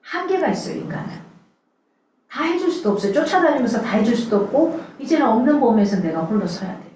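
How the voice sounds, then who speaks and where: A woman pastor from the far south of Korea preaches in a mellow, darkish voice, talking straight to her listeners with questions. She sounds far from the mic in a very echoey church sanctuary. The recording is dull and muffled. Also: a little high, expressive, fast talker, slight background noise. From South Korea, Suncheon in Jeolla. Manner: earnest, conversational preaching with rhetorical questions. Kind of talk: sermon.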